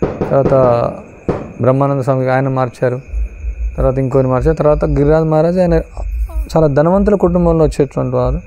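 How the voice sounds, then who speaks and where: A man giving a storytelling devotional talk, mixing in English phrases and pausing with frequent fillers. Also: medium pitch, fairly even intonation, warm tone. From Andhra Pradesh. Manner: anecdotal, mixes English phrases, many fillers. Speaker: devotional speaker.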